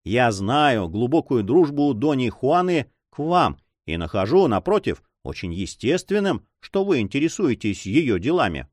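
A man's voice: mid-range voice, big pitch swings, a little slow, few pauses, darkish tone, no room sound, voice pushed up. A man voicing an eager young nobleman in love who pleads impatiently.

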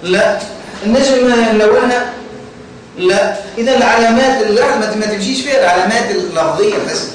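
Teaching grammar to his class in a Tunisian Arabic accent, this man keeps pausing to check whether they follow. His voice is high and fast. Captured from a distance in an echoey classroom, the audio has slight background noise.

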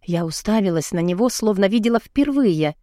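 A woman narrating a first-person novel in an expressive audiobook reading, her pitch sitting mid-range for a woman. Her voice lifts high and bright for the heroine's lines. The recording is dry and close, with no room sound. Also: normal speed, no room sound.

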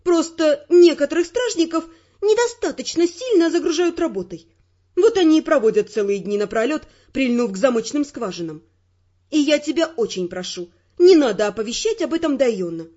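A woman voicing a prickly, defensive young female spy with sharp retorts. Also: high-pitched, lively intonation, normal speed, lo-fi sound. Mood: irritated.

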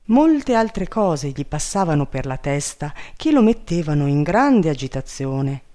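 Slow measured storybook narrator. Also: mid-range voice, sing-song, dark tone. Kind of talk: storybook reading aloud.

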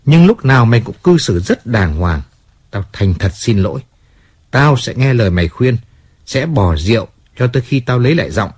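A man's voice: mid-range voice, big pitch swings, fairly quick, slightly rough, no room sound. A man reading the part of a hard-drinking fading male singer in his thirties in an audiobook, swinging between bitter outbursts and pleading apology.

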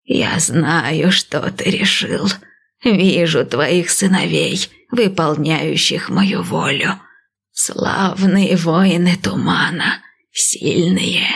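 A woman voicing an old blind priestess and seer, speaking slowly and calmly. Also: sits low, gravelly, breathy edge, full character voice. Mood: calm, wise. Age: older. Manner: slow, calm, measured.

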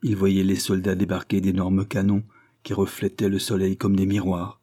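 A man reading a novel aloud as an audiobook narrator, with steady, measured narration. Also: deep voice. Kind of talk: scripted narration.

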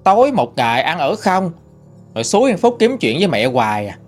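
A man's voice: fairly high pitch, big pitch swings, a little fast, faint music behind. A man narrating listener stories in a conversational storytelling manner. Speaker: ghost story channel narrator. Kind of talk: reading listener-sent stories.

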